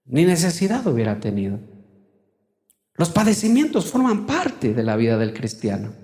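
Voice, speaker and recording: A male pastor with a high voice preaches to his congregation, rising often to loud, emphatic calls and then dropping low. The sound rings through a church hall with a long, lingering reverb. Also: huge pitch swings, normal speed. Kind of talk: sermon.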